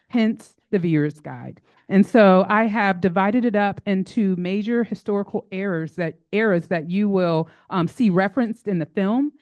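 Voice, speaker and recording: A woman in her forties speaks to a library audience in the friendly, guiding manner of a longtime teacher. Her voice sits at a middle pitch and comes through a slightly dull, dry microphone with little echo. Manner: lively, teacherly, talks directly to the crowd. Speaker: director of a school outreach program, former teacher. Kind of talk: addressing an event audience. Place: public library event room.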